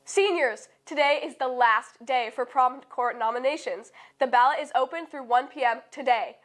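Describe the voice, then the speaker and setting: A teenage female student co-announcer reading scripted high school announcements. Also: moderate pace, fairly bright tone, soft background music.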